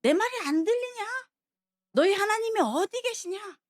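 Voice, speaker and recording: A boastful giant warrior hurls shouted, mocking threats at a frightened army, as a woman preacher acts him out. The voice sits high and swings widely in pitch, loud and sneering. He is sure of his own strength and scornful of his foes. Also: expressive, a little fast. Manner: taunting, shouting challenges.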